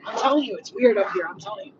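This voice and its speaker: A woman's voice: medium pitch, very fast. Blunt profane New woman in her forties. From New York. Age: 40s. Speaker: spiritual healer and reader. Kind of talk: casual rant to viewers. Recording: slightly dull, faint background noise.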